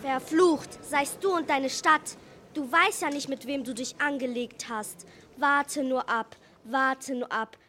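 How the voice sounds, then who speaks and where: A woman's voice: high voice, slow, pushed and bright, full character voice. A woman playing a bitter, vengeful old witch in an audio play, speaking in a theatrical, menacing way. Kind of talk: German audio play for children.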